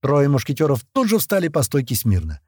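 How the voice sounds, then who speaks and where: A man narrating an action novel as an audiobook, reading in a lively, animated way. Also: mid-range voice, a little fast, breathy edge, dry recording, studio quality.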